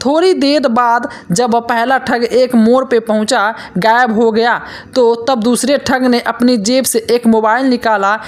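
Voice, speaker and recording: Woman narrating a folk tale, fairly high. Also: a little slow, few pauses. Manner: steady, plain reading with quoted dialogue read in. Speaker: storyteller. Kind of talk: scripted story narration.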